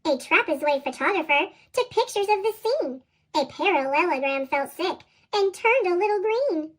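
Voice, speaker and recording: An expressive storybook reader goes through children's picture books at normal speed, in a bouncy sing-song. The audio carries a sped-up, high-pitched chipmunk effect.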